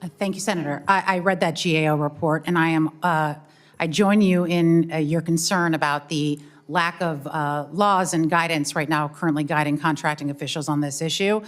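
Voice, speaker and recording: A woman giving formal testimony as an expert witness, measured and diplomatic, with a hesitant delivery. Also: sits low, fairly even intonation.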